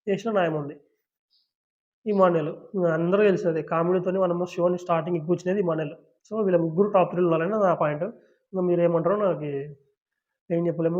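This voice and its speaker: Male vlogger, high-pitched and blunt, sneering reality-show takes, lo-fi sound. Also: darkish tone. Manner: blunt and mocking, talks straight to viewers. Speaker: YouTube commentator. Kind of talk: opinionated reality-show commentary.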